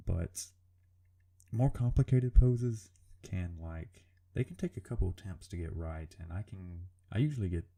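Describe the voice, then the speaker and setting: A man speaks in a low, gravelly rumble with a very dark tone, like a serial killer. He narrates his drawing informally, hesitating and putting himself down as he goes. His language is casual and sweary. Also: normal speed. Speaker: artist narrating a drawing video. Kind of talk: informal drawing commentary voice-over.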